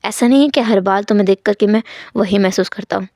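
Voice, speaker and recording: A woman voicing a tender, devoted young husband who speaks gently and low, in a read-aloud fanfiction story. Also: fast talker, dry recording, studio quality, natural voice.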